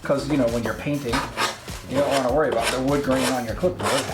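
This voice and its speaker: A man's voice: medium pitch, steady tone, fast, reverberant, very noisy. A man hosting his own project vlog, chatting casually and explaining each step as he works in his home garage. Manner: chatty and self-deprecating, explains steps as he works. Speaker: host of a DIY project channel.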